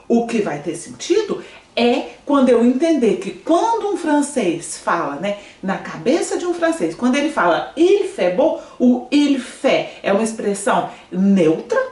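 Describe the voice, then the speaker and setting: A woman's voice: fairly high pitch, reverberant, recorded from a distance. A woman teaching an online language lesson, talking to her students and often checking that they follow. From Brazil. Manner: lively, asks students often. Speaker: French teacher. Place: room, in front of a screen.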